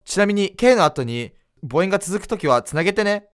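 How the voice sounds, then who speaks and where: A co-presenter in a pronunciation lesson who explains and repeats words in a lively, expressive way. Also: mid-range voice, fairly quick, smooth.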